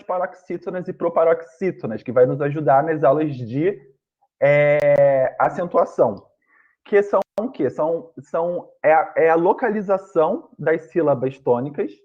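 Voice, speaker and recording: Man teaching grammar over lo-fi audio. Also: on the high side. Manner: explanatory, checks in with students often. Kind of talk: online grammar lesson. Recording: dull lo-fi online class audio.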